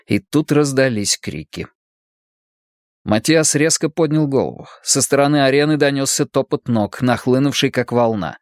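A man narrating a fiction audiobook with steady, measured storytelling. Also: mid-range voice, dry recording, clean studio sound.

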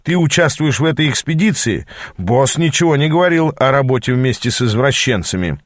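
A man voicing a good-natured male gargoyle who speaks slowly and deadpan. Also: mid-range voice, no echo, clean studio sound, voice pushed up, natural voice.

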